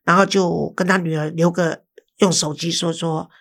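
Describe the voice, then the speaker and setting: Older woman, gravelly husky storyteller. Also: on the low side, steady tone, normal speed, a bit bright. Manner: storytelling, acts out quoted people. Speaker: host and counselor. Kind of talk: podcast chat, telling a case story.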